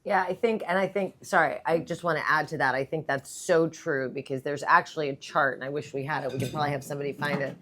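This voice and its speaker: A woman on a finance panel, an animated storyteller who jumps in to add points. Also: sits low, fast, hardly any pauses. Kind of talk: panel discussion.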